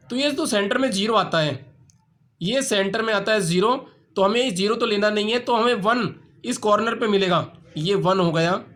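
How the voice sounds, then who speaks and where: A man's voice: high-pitched, fairly bright tone. A man teaching an acupressure treatment, explaining each step patiently and repeating the points. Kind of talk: instructional demonstration.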